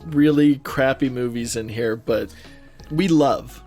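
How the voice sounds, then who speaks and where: A man co-hosts a podcast from a home office, talking in a casual, easygoing way. His voice is medium-pitched, slow and a little mellow, with background music running underneath.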